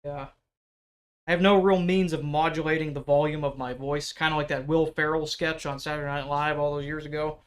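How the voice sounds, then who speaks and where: A man demonstrating leatherworking on a live stream, talking loudly in an explaining way and chatting with viewers into a microphone. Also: a little high, fairly even intonation, brisk. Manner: loud, explaining voice. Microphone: external microphone.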